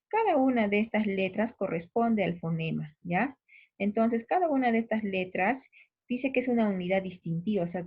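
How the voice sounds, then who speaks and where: A woman's voice: medium pitch, slightly rough. A woman teacher giving a recorded lesson, patiently demonstrating sounds aloud and checking that the listener follows. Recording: tinny phone-like recording.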